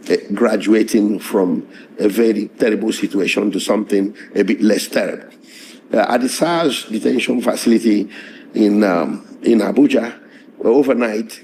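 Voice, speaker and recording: A middle-aged man answers interview questions in a hoarse, strained voice. His delivery is measured and halting, full of restarts. The tone is low, dark and gravelly. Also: slight background noise. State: hoarse, voice strained after tear gas. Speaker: lawyer being interviewed. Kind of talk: interview, recounting events.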